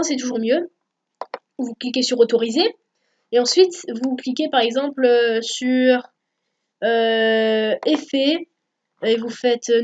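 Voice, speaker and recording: A woman recording a software tutorial at home, hesitant, full of fillers and self-corrections. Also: fairly high pitch, lo-fi sound, a little hiss or hum. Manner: hesitant, many fillers, corrects herself often. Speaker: YouTube tutorial maker.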